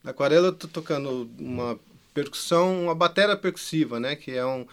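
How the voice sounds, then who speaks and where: A man's voice: fairly high pitch, fairly quick, fairly bright tone, clear, resonant tone. A man from Brazil, a musician, talking casually in an interview and often adding tag questions. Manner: chatty, frequent tag questions. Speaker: musician guest.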